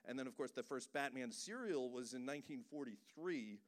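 A man with a smooth, resonant voice at a middling pitch, talking about cartoon villains at a live cinema event. He is chatty and enthusiastic and slips jokes in as he goes. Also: expressive, moderate pace. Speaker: voice director giving a presentation. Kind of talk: live pop-culture talk.

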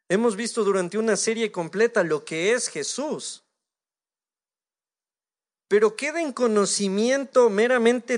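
A man with an Ecuadorian Spanish accent delivers a sermon in a noticeably high voice. He preaches in a lively, animated way, breaking into little acted-out conversations with God. He sounds like a pastor in his thirties. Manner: animated, acts out imagined dialogues with God.

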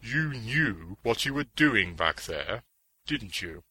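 A man doing a terse, gruff archer. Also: lowish voice, very animated, slow pace, bright, forceful tone, exaggerated voice. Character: gruff, curt male archer traveler.

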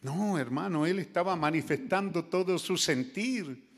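A man's voice: sits high, measured pace, gravelly, long reverb tail. A man preaching a dramatic sermon, calling out to the congregation in the pews. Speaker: pastor. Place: church.

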